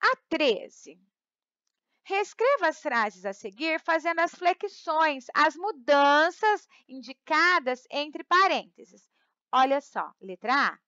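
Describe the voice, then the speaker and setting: A woman's voice: high-pitched, big pitch swings, slow pace, bright, forceful tone, dry recording. A woman teacher with a Brazilian Portuguese accent, explaining a lesson patiently and checking in often with her students. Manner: patient, repeats words and checks in with "tá?". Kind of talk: recorded remote class lesson. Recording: slightly dull, dry close recording.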